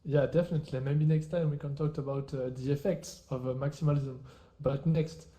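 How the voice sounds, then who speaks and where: A man hosting a live talk show, briskly firing off either-or questions and moving on with short "all right" transitions. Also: fairly high pitch, steady tone, mellow. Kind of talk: rapid-fire quiz questions in a live virtual reality talk show.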